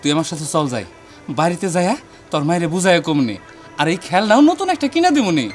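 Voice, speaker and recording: A woman voicing a gentle, soothing village father who comforts his young daughter. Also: on the low side, big pitch swings, fast, pitched below the performer's own voice. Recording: music playing under the voice, heard from off-mic.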